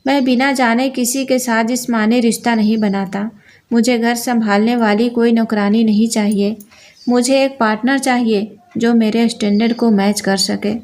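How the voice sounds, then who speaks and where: A woman's voice: fairly high pitch, fairly even intonation, moderate pace, a little mellow, close to an everyday voice. A woman voicing an arrogant rich young husband who coldly dictates terms. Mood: commanding. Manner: cold, commanding, dictating terms.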